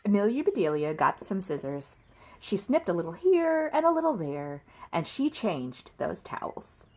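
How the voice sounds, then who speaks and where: A woman reading children's books aloud in an expressive way and chatting to listeners about the pages and pictures. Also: mid-range voice, normal speed. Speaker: reader of children's books for an online series. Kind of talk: animated read-aloud storytelling with comments to viewers.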